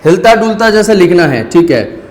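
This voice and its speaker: A male teacher giving a patient lesson, asking questions and answering them himself, repeating key words slowly. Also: sits high, sing-song. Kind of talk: classroom-style lesson. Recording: echoey room with long reverb.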